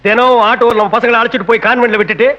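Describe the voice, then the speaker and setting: A man's voice: extremely high pitch, fairly even intonation, racing, muffled recording. A man playing a domineering local strongman who scolds and orders others around. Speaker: bossy local strongman in film. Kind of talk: film comedy dialogue.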